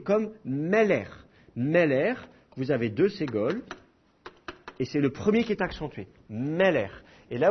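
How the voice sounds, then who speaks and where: Husky man lecturing a class. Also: on the high side, highs cut off. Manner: explanatory, repeats key points, many fillers. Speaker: Hebrew teacher.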